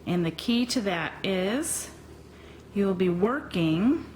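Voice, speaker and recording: A woman teaching a crochet tutorial step by step, pausing often with ums while she works. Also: medium pitch, expressive, darkish tone, slight background noise, poor audio. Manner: slow, hesitant with frequent ums, talking while working. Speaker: crochet instructor.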